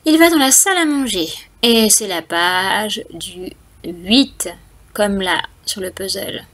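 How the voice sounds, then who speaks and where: A woman's voice: mid-range voice, animated, takes it slowly, fairly bright tone. A woman storyteller reading a picture book aloud to young children, speaking to them directly and counting aloud with them.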